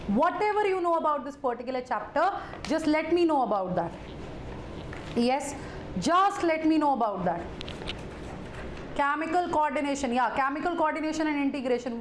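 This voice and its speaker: A woman teacher with a high voice and a North Indian accent gives a live lecture. She speaks straight to her students, repeats her phrases and slips in Hindi interjections. The room is echoey, with faint noise behind her.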